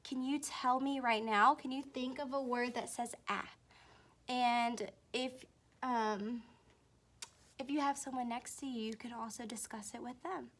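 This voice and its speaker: A woman with a bright, crisp voice leads a children's phonics lesson at an unhurried pace. She speaks in an encouraging way and invites young learners to repeat after her. Her voice sits a little higher than most. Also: fairly even intonation, slight background noise. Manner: slow, encouraging, addresses young children directly with questions. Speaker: teacher.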